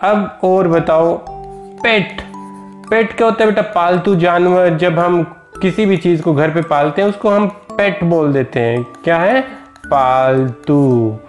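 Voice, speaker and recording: A man's voice: high-pitched, measured pace, echoey room, faint music behind. An Indian man teaching children English vowel sounds, patiently repeating words and asking simple questions.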